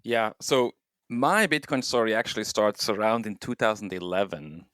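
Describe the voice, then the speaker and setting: Low-voiced man, dry sound. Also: normal speed, a bit bright, no room sound. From Switzerland. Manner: thoughtful, loose phrasing with many fillers. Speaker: guest, software engineer and home miner. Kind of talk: casual interview talk.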